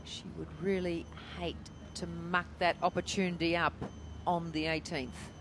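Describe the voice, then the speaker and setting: A woman's voice: lowish voice, level tone, measured pace. A woman giving live television golf commentary, reacting to play with descriptive analysis. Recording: noisy outdoor broadcast sound. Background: outdoor tournament ambience.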